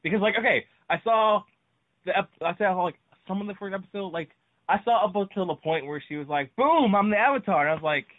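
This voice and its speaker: Excitable young man on a tinny line. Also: high voice, fast talker, no echo. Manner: excitable, repeats words when pushing back. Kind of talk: casual late-night chat about games and shows. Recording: tinny phone-like line, dry.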